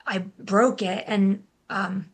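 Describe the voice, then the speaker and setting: A young adult woman speaking as a guest in a casual interview, often restarting her sentences and filling pauses with "like". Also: mid-range voice, steady tone. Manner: halting, restarts, many "like" fillers. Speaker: guest, intuitive healer and life coach.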